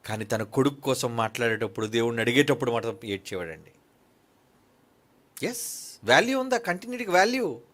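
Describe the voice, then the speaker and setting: A man's voice: mid-range voice, sing-song, fairly quick, pauses often. Impassioned man preaching a sermon. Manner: impassioned, swinging between hushed and loud; asks the congregation many rhetorical questions.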